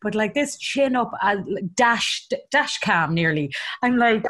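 A woman with an Irish accent chatting casually, animated and given to comic exaggeration. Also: medium pitch, unhurried. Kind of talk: casual chat.

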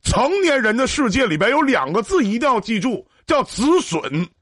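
A man's voice: very high-pitched, very animated, normal speed, a bit bright, no room sound, studio quality. A man hosting a livestream emotional advice show, talking emphatically with pointed rhetorical questions. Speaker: livestream radio host.

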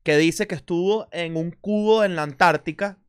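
A man co-hosts a relaxed live podcast in a slightly higher-than-average voice. He tells stories loosely, restarting and letting sentences trail away. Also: normal speed, clean tone. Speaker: podcast co-host. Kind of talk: casual live podcast chat.

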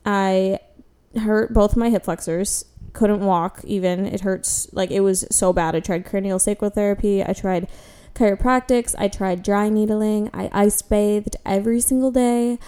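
A woman's voice: medium pitch, fairly even intonation, a little slow, mellow, clean tone. A young woman in her twenties casually telling her own story in a candid, self-deprecating way, with lots of "like" fillers. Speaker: vlogger.

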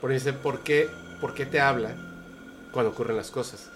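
A man hosts a casual conversation, telling lively anecdotes peppered with slang. His voice sits at an ordinary middle pitch, with faint noise in the background. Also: moderate pace. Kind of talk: casual chat.

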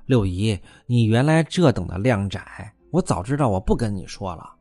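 A man's voice: on the low side, lively intonation, normal speed, dark tone, no room sound, soft background music. A man doing a tactful young manservant. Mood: coaxing. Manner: coaxing, placating. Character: clever, tactful young male servant.

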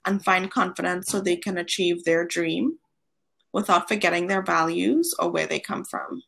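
A young woman from Trinidad and Tobago, a guest on a podcast interview who talks in a friendly, animated way with frequent ums. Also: on the low side, moderate pace, gravelly, husky. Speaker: guest, founder of an online platform.

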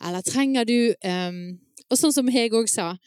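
Chatty, lively woman speaker. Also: fairly high pitch, clean tone, no echo, clean studio sound. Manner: lively, chatty storytelling with frequent laughs; many fillers and restarts, asks the audience "sant?". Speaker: speaker at a parents' evening. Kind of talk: live talk to an audience. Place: venue of an evening event for parents.

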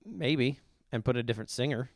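A man's voice: medium pitch, fairly quick, no room sound. A middle-aged man co-hosting a podcast, giving blunt, opinionated song reviews in casual chat. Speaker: podcast co-host reviewing songs.

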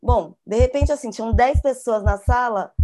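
A woman's voice: a little high, moderate pace, mellow, faint music behind. A Brazilian woman in her forties, a podcast co-host, telling a story in casual chat and acting out her own panic. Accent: Brazilian Portuguese. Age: 40s.

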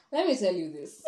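Lowish-voiced woman rambling thru a show review on her podcast, kinda echoey room. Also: a little mellow. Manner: chatty, frank, rambling with asides and sighs. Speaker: podcast host. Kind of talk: casual solo review monologue.

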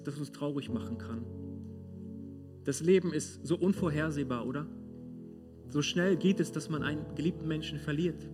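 A man preaching a sermon in a church service, speaking straight to his listeners with questions and swinging between loud stress and hushed softness. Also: on the high side. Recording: sermon with clear guitar music underneath. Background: guitar music.

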